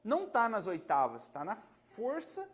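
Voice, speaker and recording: A Brazilian man, a luthier, explaining frets casually in a relaxed, rambling way, demonstrating with his hands and often checking the viewer is following. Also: sits high, a little slow. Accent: Brazilian Portuguese. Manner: relaxed, rambling, self-correcting.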